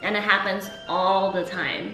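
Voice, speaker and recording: A young woman chats informally, musing aloud as a co-host. The room is noticeably echoey. Music plays clearly behind her, along with clinks of cutlery. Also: medium pitch, level tone, a little slow, pushed and bright. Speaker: co-host of a food show. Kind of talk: casual chat.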